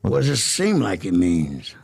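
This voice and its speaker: A man's voice: sits low, huge pitch swings, moderate pace, creaky, a little mellow, husky. A man chatting as a podcast guest, playful and sing-song, slipping into rhyming baby talk. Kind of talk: casual comedic chat in character.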